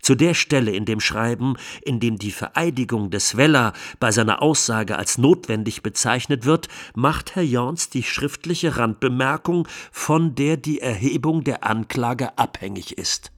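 In a radio play, a male actor plays an indignant, sardonic lawyer addressing a court with rhetorical emphasis and pointed pauses. His medium-pitched, fairly bright voice has lively intonation, and the mood is pointed and incisive.

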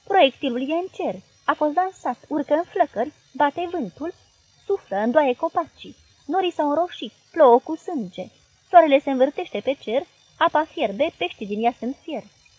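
Woman reading as a young girl in a trance, visionary, husky, slightly high voice, dry sound. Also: animated, darkish tone, no echo, lo-fi sound. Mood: alarmed. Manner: dreamy, then alarmed as she describes visions.

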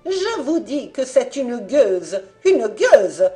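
A woman voicing a harsh, spiteful old nursemaid who scolds in a shrill, loud voice. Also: very animated, drawn-out words, soft background music, exaggerated voice. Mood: furious.

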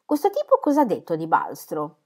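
A woman voicing a pushy, suspicious gentleman who fires off insistent questions. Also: low-pitched, huge pitch swings, brisk, exaggerated voice.

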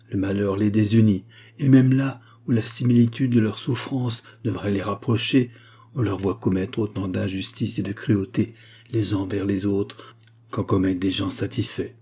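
A man narrating a classic short story in a measured, literary reading. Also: on the low side, warm tone, breathy edge. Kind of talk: audiobook narration of classic fiction.

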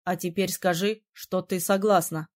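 A woman reading an audiobook, voicing a calm, teasing young male prince with a slightly lower, softer voice. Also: moderate pace, close to an everyday voice. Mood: sly stern.

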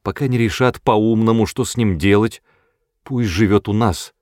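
A man reading a firm, steady mother. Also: on the low side, no echo, clean studio sound, natural voice. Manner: quiet and measured, turning stern. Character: calm, firm-willed mother and wife.

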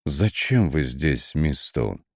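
A man reading the lines of a wealthy, brilliant male artist in an audiobook, speaking slowly and coolly with measured questions. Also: extremely low pitch, big pitch swings, a little mellow, dry recording, studio quality, full character voice. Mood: cool, probing. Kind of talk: audiobook character voice.

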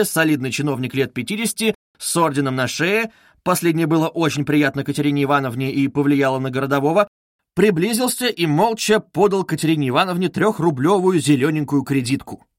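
A man narrating a classic novel in a measured, expressive reading. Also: on the high side, dry recording, studio quality. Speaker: audiobook narrator.

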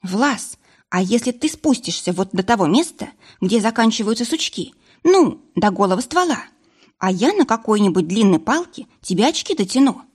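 A woman's voice: mid-range voice, very animated, normal speed, slightly rough. A woman voicing an anxious, impulsive young woman lost in a winter forest, pleading and emotional, in an audiobook.

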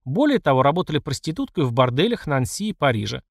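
A man's voice: on the high side, very animated, fast talker, vocal fry, no room sound, clean studio sound, heavily acted. Man reading a stiff, insistent adjutant. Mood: indignant. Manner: overly polite, insistent. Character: stiff, scandalized male adjutant.

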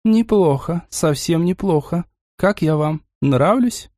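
A man's voice: on the high side, lively intonation, slow, darkish tone, dry recording, voice pushed up. Man doing a haughty rich seductress, raised voice, teasing, dry close sound, audiobook. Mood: flirtatious. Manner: teasing, flirtatious, then furious.

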